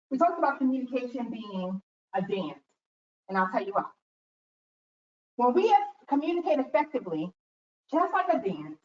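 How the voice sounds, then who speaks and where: A woman giving a talk to students, telling stories and acting out quotes as she goes. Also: fairly high pitch. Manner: animated storytelling with acted-out quotes. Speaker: guest speaker. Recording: echoey room, distant mic, dull sound.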